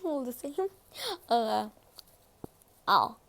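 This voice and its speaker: A woman films a casual ASMR eating vlog on a phone, speaking slowly in a slightly high voice. She is chatty and giggly, slipping into whispers between loud, delighted reactions. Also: lively intonation, vocal fry. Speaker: vlogger.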